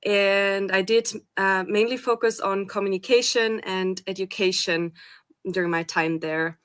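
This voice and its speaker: A young woman from Switzerland speaking as a panel guest about her work, steady and matter-of-fact. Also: mid-range voice, measured pace, clear, resonant tone. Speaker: panel guest, coral restoration communicator. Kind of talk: panel discussion answer.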